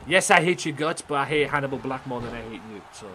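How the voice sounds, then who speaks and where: A young man doing excitable, swearing live-stream commentary over a game, talking straight to his chat viewers. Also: medium pitch, quick pace, slight background noise.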